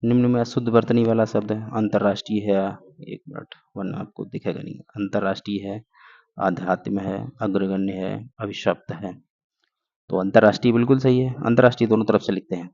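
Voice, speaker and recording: Gravelly low-voiced male teacher. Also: fairly even intonation, a little fast, a little mellow. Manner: explains step by step, asks and answers own questions. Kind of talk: exam-prep grammar lesson. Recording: dull lo-fi recording.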